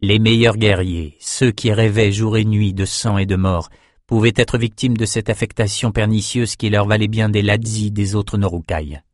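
A man narrating an audiobook in a steady, measured storytelling voice, close to the mic. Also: fairly low pitch, no echo.

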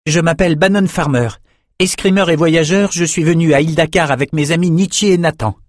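A man doing an earnest young swordsman, raised pitch. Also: fairly even intonation, fairly quick, no room sound, studio quality, natural voice.

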